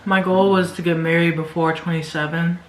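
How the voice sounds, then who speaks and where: Young woman just chatting w friends, kinda low voice, teasing, echoey room. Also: level tone, fairly quick. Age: 20s. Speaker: participant in a group mukbang chat. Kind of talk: casual chat among friends. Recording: roomy echo, faint background noise.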